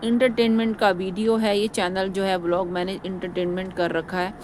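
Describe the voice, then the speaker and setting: A woman talking straight to her viewers in a casual vlog, rambling and repeating her points in a preachy way. Her voice sits at an ordinary middle pitch. A faint hum from traffic runs behind her. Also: flat delivery, moderate pace, a little mellow. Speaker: vlogger.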